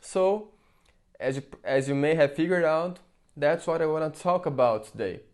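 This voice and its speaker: This Brazilian vlogger in England speaks English at normal speed with a Brazilian Portuguese accent, his voice on the high side. The opinion vlog is chatty and rambling, full of fillers and restarts.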